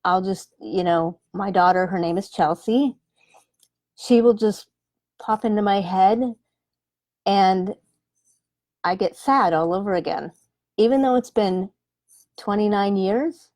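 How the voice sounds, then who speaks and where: A woman in her forties, a medium on a live stream, speaking gently with many pauses and ums. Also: mid-range voice, no echo, studio quality. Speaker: animal communicator and medium. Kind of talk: live-stream chat with viewers. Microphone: webcam or phone livestream.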